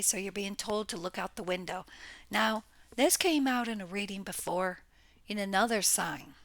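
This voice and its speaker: A woman with a medium-pitched, fairly bright voice gives her viewers a casual tarot reading from a home room near a window, recorded dry. She's blunt and exclamatory, letting slip the odd curse.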